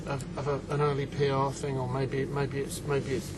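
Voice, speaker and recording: A man co-hosting a casual interview, halting and repeating words as he frames questions. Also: mid-range voice, completely flat delivery, over a noisy crowd, low-quality recording. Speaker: co-host.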